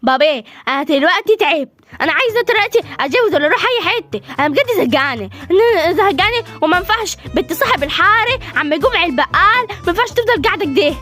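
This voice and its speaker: A woman's voice: very high voice, animated, very fast, hardly any pauses, bright, forceful tone, soft background music, exaggerated voice. A woman doing a spoiled, whiny rich girl. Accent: Egyptian Arabic. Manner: whiny, demanding. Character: spoiled, bored rich young daughter.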